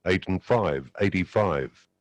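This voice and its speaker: A man's voice: sits low, animated, slow, dry recording. A man working as a bingo caller, announcing numbers in short, repetitive set phrases, digit by digit and then in full.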